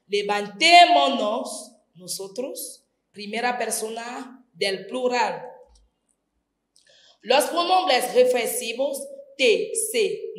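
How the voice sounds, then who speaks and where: A woman teaching a distance-learning grammar lesson, slowly and deliberately spelling out each verb form. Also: a little high. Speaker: Spanish teacher. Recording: echoey room.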